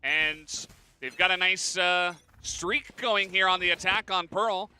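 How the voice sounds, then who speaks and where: This man is an esports caster giving live colour commentary, conversational but excitable. His voice is intensely bright and cutting, pitched somewhat high for a man. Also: slow.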